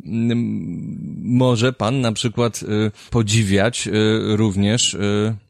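A man's voice: fairly low pitch, fairly even intonation, very slow, vocal fry, no room sound, clean studio sound. A man hosting an interview, asking questions casually and hesitantly, with many fillers. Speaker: interviewer, host. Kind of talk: interview conversation.

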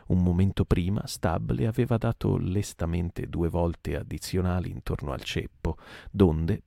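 A man reading a classic novel aloud as a calm, sleep-inducing narration, with occasional small restarts. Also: deep voice, creaky, no room sound, studio quality. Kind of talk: soporific audiobook reading.

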